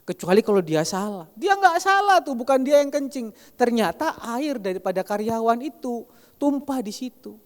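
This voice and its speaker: Animated preacher in a hall. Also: male voice, extremely high pitch, normal speed. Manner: animated storytelling, often addresses the congregation directly. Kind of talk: sermon. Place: large church hall. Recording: reverberant church hall.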